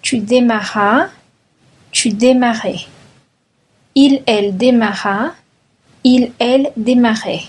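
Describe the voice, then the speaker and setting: A woman slowly reading out a French vocabulary list and verb conjugations as a lesson drill, each word set apart. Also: on the high side, darkish tone, breathy edge. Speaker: language teacher.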